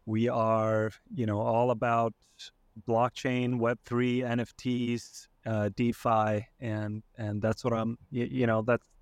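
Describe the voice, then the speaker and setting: A man from Iceland, a podcast guest, talking casually and thoughtfully with many pauses and restarts. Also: medium pitch, level tone, clear, resonant tone, no echo. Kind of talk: casual conversation.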